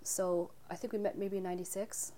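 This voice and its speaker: A woman's voice: medium pitch, steady tone, fairly quick, warm tone. A woman, a musician guest answering questions in an easygoing way and explaining at length. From Salem, Oregon. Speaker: guest, bass and cello player. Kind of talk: casual interview.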